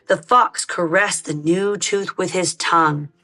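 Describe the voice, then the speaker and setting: A woman narrating a children's storybook as a read-aloud host, in an expressive, measured style. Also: lowish voice.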